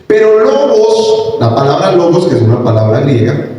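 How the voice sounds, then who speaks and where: A man preaching a sermon as pastor, animated and sometimes shouting to stress a point. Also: a little high, moderate pace, faint music behind. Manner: animated preaching, rising to shouts on key lines. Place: large church hall. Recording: echoey hall, picked up from a distance.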